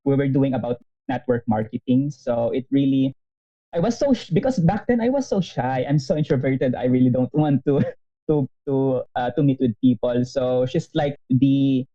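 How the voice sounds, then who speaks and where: A podcast guest in his thirties tells his story casually and with energy, laughing frequently and restarting sentences. His voice is mid-range, and the recording sounds lo-fi.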